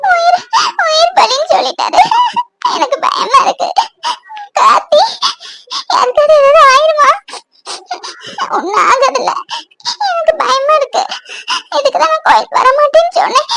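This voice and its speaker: A woman's voice: very high-pitched, lively intonation, normal speed, pauses often, slight background noise, rough recording. A woman voicing an anxious, tearful young bride-to-be in a cartoon, pleading through her worries. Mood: frightened. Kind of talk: cartoon voice acting.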